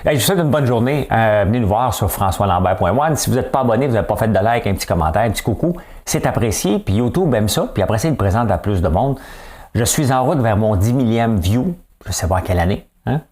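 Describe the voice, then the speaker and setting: A man's voice: lowish voice, expressive, quick pace, a little mellow. A man with a Québécois accent hosting a casual news and business commentary show, chatty and tagging his remarks with rhetorical asides. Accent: Québécois French. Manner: chatty, keeps adding a rhetorical "hein?".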